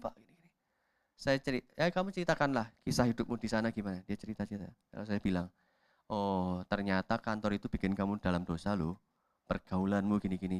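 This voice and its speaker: Pastor preaching, acts out little voices, goes from shouting to whispering. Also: male voice, lowish voice, clean tone, no room sound, studio quality. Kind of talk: sermon. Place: church hall.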